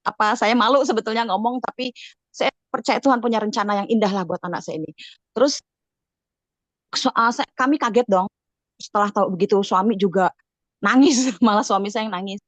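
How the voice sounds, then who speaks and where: A woman's voice: mid-range voice, fairly quick, pauses often, no echo, low-quality recording. Chatty middle-aged woman giving testimony. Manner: chatty, frequent fillers and self-corrections. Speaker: church member giving a testimony. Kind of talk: casual spoken testimony.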